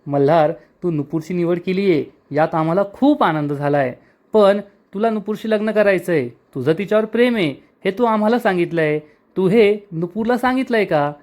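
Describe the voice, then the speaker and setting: A man reading the lines of a gentle, caring aunt in a soap recap. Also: high-pitched, a little fast, close to an everyday voice.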